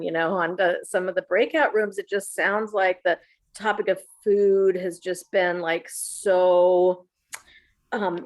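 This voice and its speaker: A woman's voice: medium pitch, natural voice. A woman playing an earnest webinar leader who hands out homework, in improv comedy. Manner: earnest, leisurely, facilitator-like.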